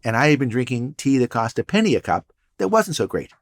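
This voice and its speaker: A man's voice: mid-range voice, sing-song, brisk. An older man, a guest entrepreneur and professor, telling stories in a casual interview with dry, punning humor. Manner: storytelling, wry and punning.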